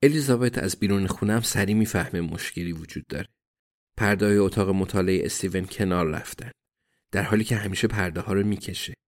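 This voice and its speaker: A man narrating an audiobook in a steady, even storytelling manner. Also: deep voice.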